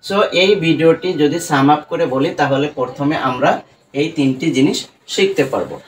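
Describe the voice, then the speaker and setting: A man teaching English pronunciation to students, explaining rules slowly and repeating sounds syllable by syllable. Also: fairly high pitch, recorded from a distance, slight background noise, low-quality recording. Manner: slow and repetitive, breaking words into syllables.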